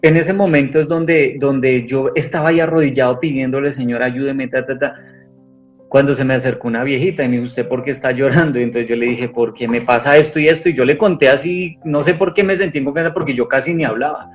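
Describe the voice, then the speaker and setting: A man's voice: mid-range voice, steady tone, fast talker. A man giving an earnest personal testimony in an interview, rambling with many restarts. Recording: dull lo-fi sound with faint music.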